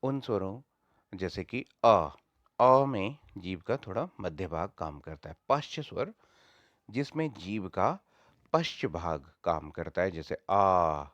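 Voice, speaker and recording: A man's voice: low-pitched, sing-song, measured pace, dry recording, lo-fi sound. A man teaching a lesson, patiently repeating each point in several ways. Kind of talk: explanatory lesson.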